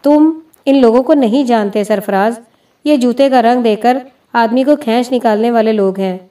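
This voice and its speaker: A quiet, principled man who answers calmly and gives little away, read by a woman with a mellow voice. The sound is distant from the microphone. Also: a little high, close to an everyday voice. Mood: guarded. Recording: distant mic.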